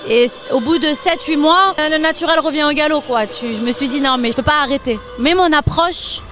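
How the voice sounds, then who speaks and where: A young French woman talking casually about her career in an interview, chatty and quick to laugh. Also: high-pitched, music in the background. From France. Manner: lively, laughs often, chatty with fillers. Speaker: interview guest, singer and DJ.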